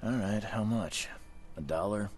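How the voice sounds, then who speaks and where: A man's voice: lowish voice, a little slow, over music, lightly acted. An actor playing a hard-boiled male detective in a video game, dry, brooding and probing. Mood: skeptical. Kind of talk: scripted video game character acting.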